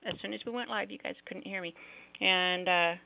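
A middle-aged woman hosts a poetry open mic, rambling through the announcements, apologizing and interrupting herself. Since jaw surgery her articulation has been slightly off. Her creaky, mid-range voice is steady and a bit fast, and the phone-line audio sounds thin and roomy.

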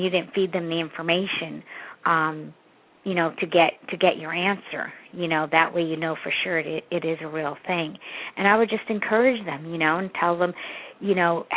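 Rambling woman in her forties on a phone line. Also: lowish voice. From Canada. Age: 40s. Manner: rambling, repeats words, laughs often. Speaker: psychic medium guest. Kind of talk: phone-in radio interview.

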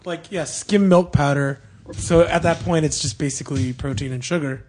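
A man on a podcast explaining things at length in casual chat, often trailing off softly. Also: fairly high pitch, moderate pace. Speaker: podcast co-host.

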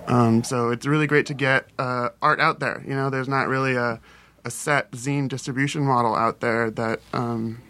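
A man's voice: medium pitch, fairly even intonation, normal speed, bright, forceful tone, no echo. A man who is a podcast guest, chatting casually in an easygoing, jokey way and often laughing. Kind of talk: casual chat.

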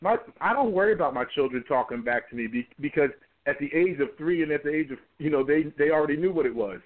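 A man in his forties, a pastor, speaks with conviction, repeating words as he drives his point home. His voice sits a touch high for a man. It comes through a thin, tinny phone line. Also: animated, fast. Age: 40s. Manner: emphatic, repeats words while building a point. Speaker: pastor and interview guest. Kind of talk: conversational interview.

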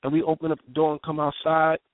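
A man's high voice comes quickly and completely flat as he, a guest, recounts a personal eyewitness story with intensity and vivid detail. He talks in casual street slang, often asking "you know what I'm saying," and the sound is dry and tinny, like a phone line.

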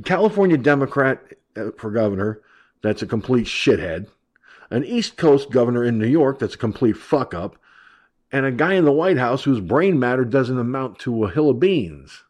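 A man hosts an online talk radio show, ranting brashly and profanely about politics. His voice is mid-range and darkish, sounding stuffed up and nasal from allergies.

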